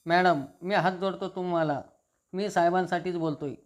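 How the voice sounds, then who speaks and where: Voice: mid-range voice, fairly even intonation, normal speed, natural voice. The narrator reading the lines of a blunt, loyal male office assistant who pleads with his boss. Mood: pleading.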